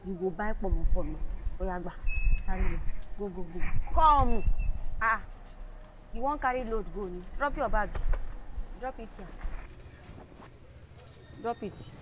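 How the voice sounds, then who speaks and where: An actress playing a fierce Nigerian mother with a Yoruba accent, scolding loudly and mixing Pidgin and Yoruba. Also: mid-range voice, animated, unhurried, long pauses, noisy background, lightly acted. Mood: bossy. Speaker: mother of Basira.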